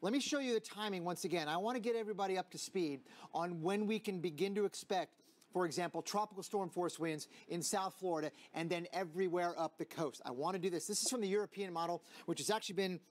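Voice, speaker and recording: A man's voice: high voice, fast talker. An American man presenting a live TV weather forecast, explaining things directly to viewers.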